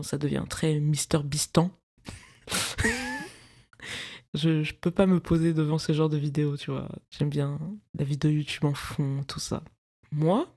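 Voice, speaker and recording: A woman's voice: low voice, mellow. A young woman in her twenties chats alone into the mic from her bedroom, hosting her own podcast. She wanders from topic to topic in loose, slangy talk and laughs often at herself. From France, of Cameroonian parents. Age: 20s. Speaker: podcast host. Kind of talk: casual solo podcast chat.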